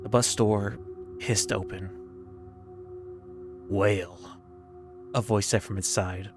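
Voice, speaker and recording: A man narrating a scripted first-person horror story in a measured, creeping, suspenseful way with pauses. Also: on the low side, fairly even intonation, noisy background. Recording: background music under the voice.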